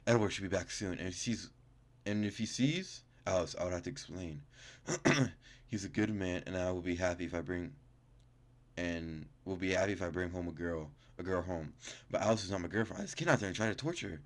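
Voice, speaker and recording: Speaking fairly quickly in a low voice, this male YouTuber reads out in-game text, tripping over words and fixing them while reacting casually.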